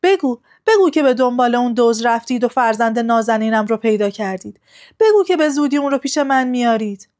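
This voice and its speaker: A woman voicing a grieving noble mother, quick to anger, in a storybook reading, raising her voice well above her own and crying out her lines. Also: expressive, a little mellow, close to an everyday voice. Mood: pleading. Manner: high, cried-out, demanding lines.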